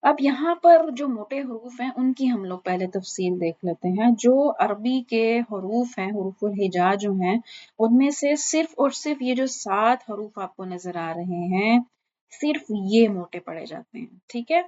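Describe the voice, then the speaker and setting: A woman teaches the sounds of Arabic letters in a patient lesson. She sounds out each letter slowly and repeats it, stopping often to check that her students follow. Her voice sits at a middle pitch, and the recording is dull and lo-fi. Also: animated, a little mellow. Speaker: Quran recitation teacher. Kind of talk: online lesson on letter pronunciation.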